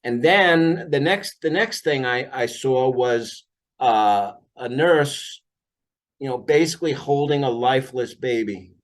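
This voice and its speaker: A man who works as an aura healer describes a session with a client in an unscripted monologue. His mid-range voice halts often, full of fillers and restarts.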